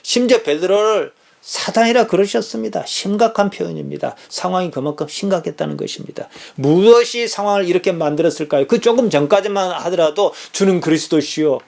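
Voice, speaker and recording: A man's voice: high-pitched, brisk, vocal fry, hardly any pauses, a little mellow. A middle-aged man preaching a sermon as a pastor, reading scripture aloud and explaining it with pointed rhetorical questions.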